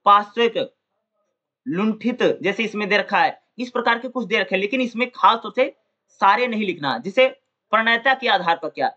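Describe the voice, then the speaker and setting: A man teaches an exam-prep lesson in a high, bright voice. He keeps asking his own questions and answering them, repeating key terms and drawing out example syllables. The audio is dull and lo-fi.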